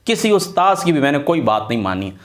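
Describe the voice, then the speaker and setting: A middle-aged man from Pakistan, an Islamic scholar, telling stories from his student days in an earnest, animated way, swearing oaths that he is telling the truth. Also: a little high. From Pakistan, Attock area. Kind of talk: casual storytelling talk.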